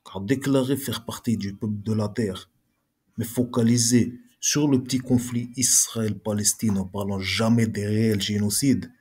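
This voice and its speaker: A man's voice: on the low side, steady tone, normal speed, darkish tone, breathy edge. A man giving an argumentative reply monologue to a video blogger, speaking combatively and straight at his critic. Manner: combative, addresses critic directly.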